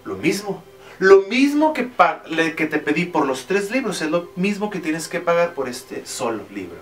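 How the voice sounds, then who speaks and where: A man voicing an old woman who keeps three precious books and will not lower her price. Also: sing-song, moderate pace, fairly bright tone, recorded from a distance, soft background music. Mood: stern. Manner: firm, unbending bargaining. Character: old woman, keeper of three magic books, stern and firm.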